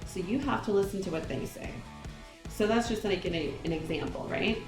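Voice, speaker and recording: A woman's voice: mid-range voice, expressive, moderate pace. Earnest woman teacher in an echoey room. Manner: earnest, direct, addresses the listener as a fellow teacher. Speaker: high school English teacher. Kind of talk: classroom management advice talk. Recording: echoey room with music playing underneath.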